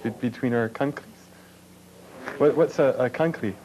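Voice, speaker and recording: A man's voice: mid-range voice, a little mellow, lightly acted, rough recording. Stammering pompous talk show host played by a man. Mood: bossy. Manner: stammering, halting, bossy.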